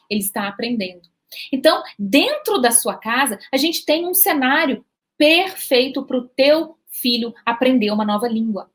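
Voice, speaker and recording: A Brazilian bilingual parenting educator speaks informally on video to parents about kids learning English, her voice a little high. She's lively and repetitive, with a Brazilian Portuguese accent, and keeps checking in with short questions like "tá?" and "né?".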